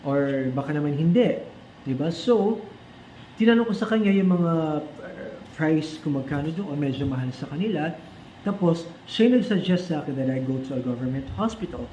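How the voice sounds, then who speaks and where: A man with a Filipino accent tells a personal story in a casual style, switching between Tagalog and English with frequent restarts. His voice is fairly high but mellow. It is recorded in an echoey room on slightly dull audio with faint noise behind it. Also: lively intonation, normal speed. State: forgetful since treatment. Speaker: vlogger recounting his cancer diagnosis.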